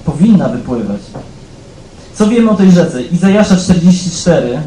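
A man preaching a sermon in a conversational way, often checking in with the congregation and growing louder as he reads scripture aloud. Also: a little high, lively intonation, normal speed, echoey room, a little hiss or hum, poor audio. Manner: conversational, keeps asking "tak?" of the congregation; rises louder when reading scripture aloud.

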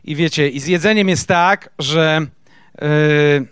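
A man's voice: on the high side, slow pace, a bit bright. A male pastor preaching a sermon in a conversational way, quizzing his congregation with questions. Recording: echoey room.

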